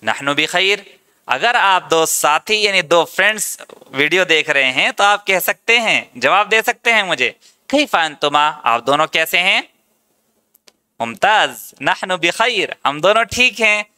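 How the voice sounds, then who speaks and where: A man with an Indian accent teaching spoken Arabic, slowly translating and repeating each word. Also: high voice, expressive, bright, forceful tone, clean tone. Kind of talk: spoken language lesson.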